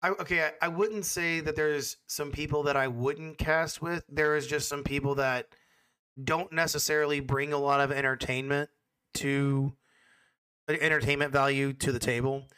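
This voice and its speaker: Casting note: man, esports caster type, bright crisp voice, dry close sound, halting casual answers. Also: fairly high pitch, fairly even intonation, no room sound. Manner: hesitant, repeats words when starting.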